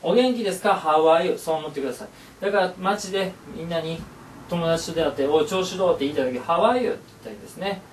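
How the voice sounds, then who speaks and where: A man's voice: a little high, lively intonation, fast, recorded from a distance, slight background noise. Upbeat man teaching in an echoey room. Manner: upbeat, encouraging, repeats phrases aloud. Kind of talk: classroom lesson.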